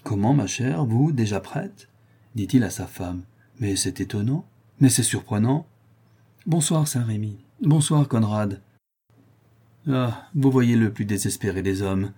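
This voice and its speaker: A man voices a loud, blundering, excitable duke with a noisy, exclamatory manner. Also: lowish voice, a little slow, husky. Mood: exclaiming.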